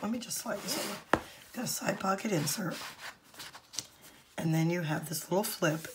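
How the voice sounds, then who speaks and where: Female craft vlogger, hoarse lost voice, low and crackly, slipping into whispers, casual walkthrough delivery. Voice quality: husky, croaky, often breaking into a whisper. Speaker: craft channel host.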